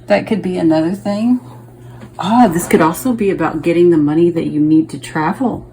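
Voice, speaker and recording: A woman with a low, gravelly voice gives a relaxed tarot reading, chatting as she turns each card. She thinks out loud and keeps checking in with her viewers. There is faint noise behind her. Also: moderate pace, poor audio. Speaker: tarot reader.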